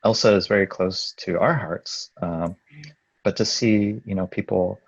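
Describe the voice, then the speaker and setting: Gravelly soft-spoken man, halting. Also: low voice, steady tone, no echo, lo-fi sound. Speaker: supervising animator. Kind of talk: panel answer.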